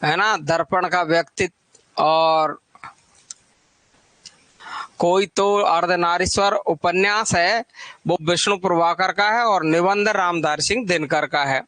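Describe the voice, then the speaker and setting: A man with a high voice teaches a live online Hindi literature exam-prep class. He keeps the tone chatty, repeating lists of titles and teasing students by name as he goes. The recording is dry and close, with no room sound. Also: slow, long pauses, bright, forceful tone, dry recording.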